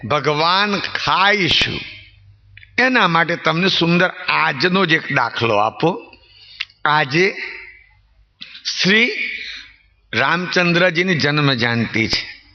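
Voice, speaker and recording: Male preacher, high voice, story sermon with emphatic swoops, dull recording. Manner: rhetorical questions to the audience, swooping emphatic delivery.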